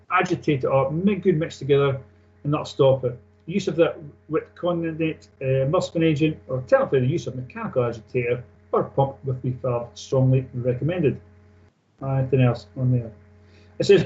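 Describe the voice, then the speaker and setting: A man's voice: on the high side, mellow. A man teaching a technical class, reading out points and explaining them in a matter-of-fact, informal way. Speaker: technical instructor. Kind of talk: classroom lecture on aircraft engine maintenance, reading and explaining. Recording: dull lo-fi sound.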